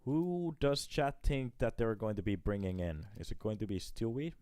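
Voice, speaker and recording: A man's voice: lowish voice, big pitch swings, moderate pace, mellow, clean tone, dry recording, clean studio sound. A man doing casual live esports commentary and chatting with his viewers. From Finland. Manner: casual, chatty, talks to chat between plays. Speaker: esports caster.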